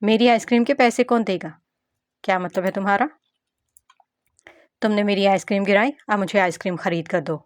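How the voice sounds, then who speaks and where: A woman voicing a stubborn, bratty ten-year-old girl with a shrill, whiny, demanding voice. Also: steady tone, brisk, pauses often, no room sound, studio quality, natural voice. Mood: bratty whining.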